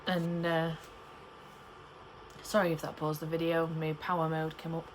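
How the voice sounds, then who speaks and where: A woman's voice: low voice, level tone, a little slow, a little hiss or hum. A young woman chatting casually to camera in a rambling, storytelling way. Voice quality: cannot pronounce P in the middle of words. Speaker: pregnancy vlogger.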